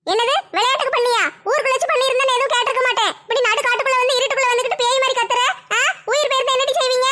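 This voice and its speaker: A woman's voice: very high voice, fairly even intonation, racing, hardly any pauses, pushed and bright. Woman doing a jittery rambling village wife. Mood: indignant. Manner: rambling frightened complaining. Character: fearful chatty village woman, mother of two.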